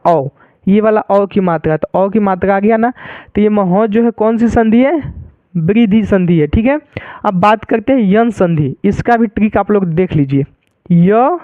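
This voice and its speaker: A man with a fairly high, clear voice teaches a grammar lesson at an unhurried pace, going over every example again and asking his students questions. The sound is tinny like a phone line and dry, with no room echo. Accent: Hindi. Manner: explains slowly, repeating each example with questions.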